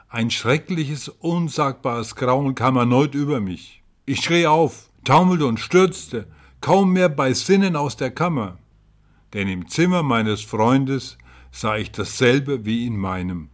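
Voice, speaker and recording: Dramatic male story narrator. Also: medium pitch. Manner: dramatic, rising to cries at tense moments.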